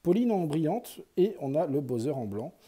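Husky, mellow-voiced man chatting casually. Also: on the high side, very animated, normal speed. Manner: chatty, thinks aloud, lots of fillers and sighs. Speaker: YouTuber opening sticker packs. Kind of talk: casual running commentary.

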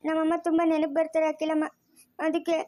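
A woman voicing a gentle, tearful young bride. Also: high-pitched, little pitch movement, fast talker, a little hiss or hum, lightly acted. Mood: sad, timid. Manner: soft, polite, tearful.

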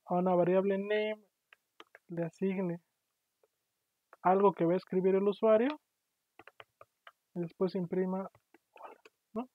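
This programming lecturer at a university has a high voice with a steady tone, talking a little slowly and pausing often. His online lecture comes through tinny, dry, and phone-like, as he patiently explains and regularly checks in with students.

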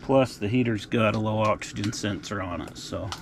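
A middle-aged man giving relaxed, folksy updates in a casual outdoor vlog, recorded on a camera mic. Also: lowish voice, moderate pace, creaky, noisy background. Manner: laid-back, folksy updates. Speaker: outdoor vlogger. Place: frozen lake outdoors and inside an ice-fishing tent.

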